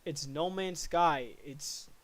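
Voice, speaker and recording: A man's voice: on the high side, slow. Rambling young man predicting football. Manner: rambling, self-correcting, thinking aloud. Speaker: podcast host. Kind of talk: casual solo sports predictions.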